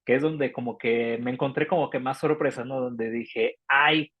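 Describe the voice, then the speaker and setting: A Mexican man talks through an album review in a loose, rambling way, with lots of fillers. His voice sits at a middling pitch. The sound is close and dry. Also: fairly even intonation, normal speed, breathy edge, no echo, phone-quality sound. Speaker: music reviewer. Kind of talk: casual panel chat.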